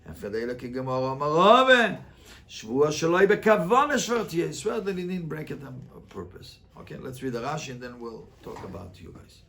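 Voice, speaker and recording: The voice is fairly high, gravelly and a bit bright, animated and fairly quick, with slight background noise. A rabbi leads an interactive Talmud lesson, translating and reading line by line, leaning on emphatic questions and repeated phrases.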